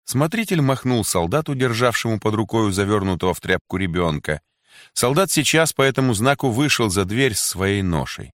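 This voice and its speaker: A man reading a classic story aloud in an expressive manner. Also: fairly low pitch, moderate pace, dry recording, studio quality.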